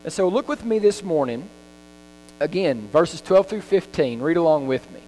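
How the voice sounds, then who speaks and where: A man's voice: on the high side, expressive, normal speed, warm tone, soft background music. A man preaching a sermon in a conversational, folksy way, with frequent ums and restarts, recorded in a church. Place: church sanctuary. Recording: reverberant hall with mains hum.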